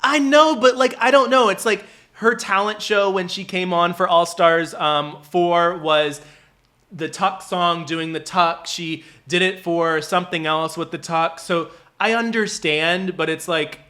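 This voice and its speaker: A man with a sharp, bright voice pitched a little high. He co-hosts a casual review, rambling chattily with plenty of "like" and acted-out asides. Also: steady tone, measured pace. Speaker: reality show review co-host.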